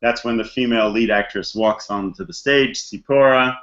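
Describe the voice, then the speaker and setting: A rabbi with a medium-pitched, slightly bright voice teaches a text study class at a moderate pace, heard over dull audio. He tells the scripture story reflectively and conversationally, asks rhetorical questions, and plays out the characters' thoughts in casual modern slang.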